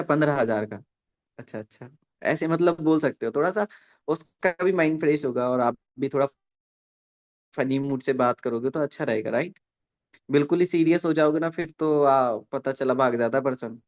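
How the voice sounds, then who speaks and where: A man running a live online training session for network marketing, dictating points slowly and checking in with listeners after nearly every sentence. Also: on the high side. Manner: dictates slowly for note-taking.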